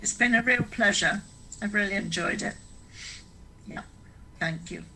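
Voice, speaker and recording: A woman author, a guest on a panel, telling a story in a reflective, halting way. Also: medium pitch, gravelly, bright, forceful tone, a little hiss or hum, poor audio. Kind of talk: casual panel discussion.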